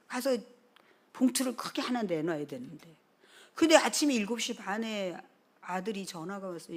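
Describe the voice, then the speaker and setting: A middle-aged woman pastor delivers a sermon as an animated storyteller. She acts out the dialogue, sinks to near-whispers, then swells loud again. Her voice swings widely up and down in pitch.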